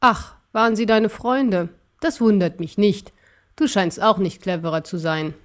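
A woman voicing an arrogant, cruel ancient emperor in an audiobook, speaking slowly and scornfully. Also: medium pitch, close to an everyday voice. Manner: slow, scornful and gloating. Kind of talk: audiobook character voice.

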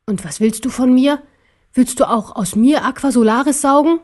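A woman's voice: high-pitched, moderate pace, a little mellow, pitched above the performer's own voice. A woman voicing a small, brave, stitched-together male teddy bear who speaks urgently and defiantly.

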